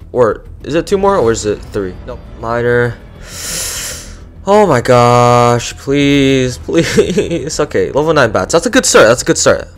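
A young man giving live gameplay commentary, excitable and swearing often, swinging from muttering to yelling. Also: medium pitch. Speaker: gaming YouTuber.

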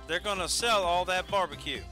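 A man's voice: high voice, fairly quick. Folksy teasing male voice-over. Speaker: narrator. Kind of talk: reality show voice-over. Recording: voice-over with loud music.

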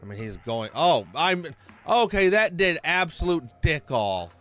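Unhurried man narrating his gameplay. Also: a little high, very animated, a bit bright. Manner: chatty, talks to himself and the enemies, swears when hurt. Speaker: gaming channel host. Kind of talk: let's play commentary.

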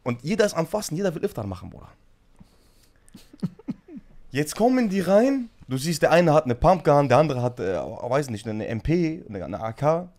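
A man spins a long story in a loose, casual stream chat. His voice sits high for a man and leaps all over the place as he acts out each moment. Slang fillers keep breaking into his sentences. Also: moderate pace. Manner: animated, peppers talk with slang fillers. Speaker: guest telling a story on a stream.

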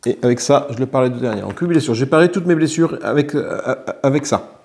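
A man's voice: medium pitch, lively intonation, a little fast, vocal fry, darkish tone. A man with a French accent playing a solo board game, thinking aloud as he counts dice and swears lightly at bad rolls. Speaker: board game player narrating his solo play.

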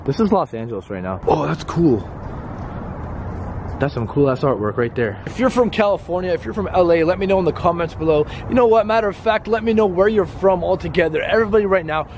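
A young man in an excitable, slangy, casual vlog to camera, filming himself outdoors. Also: a little high, fast. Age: young adult. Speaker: vlogger, host of the channel. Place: outdoors on a road bridge at night. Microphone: camera held at arm's length. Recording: noisy outdoor street with traffic.

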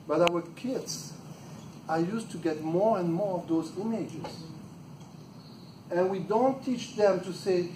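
Recorded by a distant camera in an echoey meeting room with a noisy background, a middle-aged native French speaker delivers a plenary presentation. He has a French accent and a high-pitched voice, and he is chatty and self-deprecating, adding little laughs.

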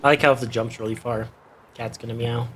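A young man casually commenting while he plays a video game, chatty and quick to react and laugh. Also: medium pitch, fairly even intonation, fairly bright tone, slight background noise. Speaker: gaming YouTuber. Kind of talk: casual let's play commentary. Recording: game music behind the voice. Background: game music.

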